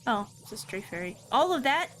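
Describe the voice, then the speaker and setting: A woman's voice: a little high, big pitch swings, a little fast, fairly bright tone. A woman streaming a video game, chatting casually and playfully, laughing at herself as she plays. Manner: giggly, playful, self-mocking. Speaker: VTuber streamer. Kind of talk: casual gameplay commentary. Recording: faint game music behind. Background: faint game music.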